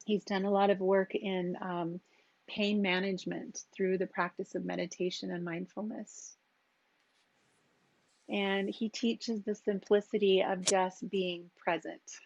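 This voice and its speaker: A woman leads a yoga and meditation session in an unhurried, soothing voice, letting long pauses fall between her cues. The sound is dry and close, with a slightly dull, muffled tone. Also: mid-range voice, gravelly, no room sound. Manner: calm, slow, gentle cues with long pauses. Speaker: yoga teacher. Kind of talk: guided yoga and meditation instruction.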